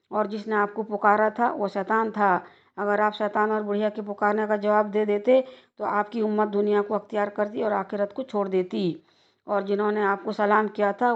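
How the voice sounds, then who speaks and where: Woman telling a religious story, pretty flat delivery, kinda muffled lo-fi sound. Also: medium pitch. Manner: steady recitation with occasional restarts. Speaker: religious narrator. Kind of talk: devotional storytelling. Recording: dull lo-fi recording.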